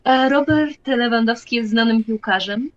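A young woman in her twenties speaking with a Polish accent, calm and matter-of-fact. Her voice sits a little high. The sound is dull and lo-fi, as if from a cheap webcam mic. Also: normal speed, crowd noise. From Poland. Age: 20s. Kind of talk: casual video chat. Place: home kitchen. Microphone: webcam video call.

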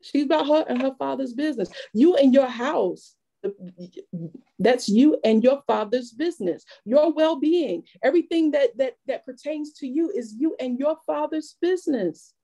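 A woman preaching, her voice sitting a little high yet mellow and warm. She talks to the women like a friend, rising and falling as she drives each point home. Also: moderate pace, rough recording. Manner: lively preaching with call-and-response. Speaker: women's fellowship speaker. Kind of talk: sermon. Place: church.

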